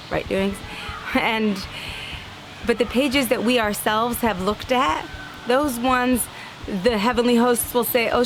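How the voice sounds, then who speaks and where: Against background noise, a woman with a fairly high voice gives an earnest, animated spiritual talk meant to inspire. She acts out inner voices and laughs lightly now and then.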